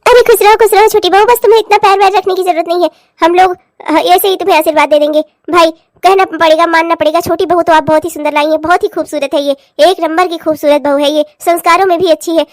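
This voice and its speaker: A woman's voice: very high voice, steady tone, fast, hardly any pauses, no room sound, studio quality. A woman voicing a chatty, gushing middle-aged aunt visiting in a cartoon. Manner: gushing, talkative.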